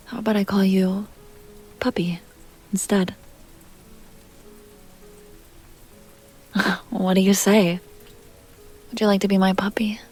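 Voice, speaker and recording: Speaking in a mid-range voice, a woman takes on the role of a seductive, elegant vampire heiress in an intimate roleplay drama. She is direct and seductive, choosing deliberate, well-mannered words spoken softly, and her breathy, teasing asides often drop into a whisper.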